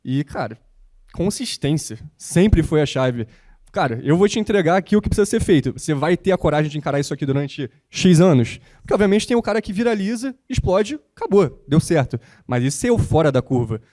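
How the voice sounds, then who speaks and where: A young man from Rio de Janeiro, speaking as a guest on a panel and talking in an animated, motivational, slangy way. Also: a little high, a little fast. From born in the United States, raised in Rio de Janeiro. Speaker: guest, basketball content creator. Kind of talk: panel talk on stage.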